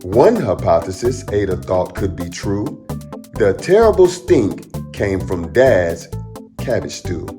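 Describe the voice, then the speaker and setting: Over background music, a man with a lowish voice reads a rhyming children's picture book slowly. He performs as a storytime host, theatrical and expressive.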